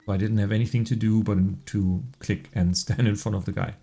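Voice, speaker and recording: A man hosting a gameplay video, telling a joking story and chatting casually in a wry, relaxed way. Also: fairly low pitch, brisk. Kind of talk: playful storytelling narration and casual gameplay commentary.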